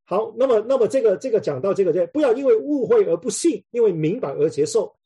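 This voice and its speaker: A man's voice: high-pitched, animated, quick pace, dark tone, husky. A man preaching in a conversational way, telling anecdotes and often repeating words as he restarts his sentences.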